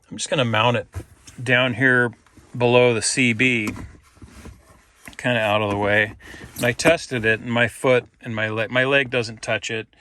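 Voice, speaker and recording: In a DIY video, a man gives an informal, step-by-step walkthrough of a hands-on install. His voice is medium in pitch, sounding pushed and bright.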